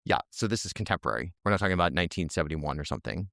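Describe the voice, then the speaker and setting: A man hosting a podcast talks with guests in an easy, conversational way, often repeating words as he restarts a question. His voice is very deep and smooth, close to the microphone in a dry room. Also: animated, very fast, fairly bright tone, no room sound. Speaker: podcast host. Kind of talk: podcast interview.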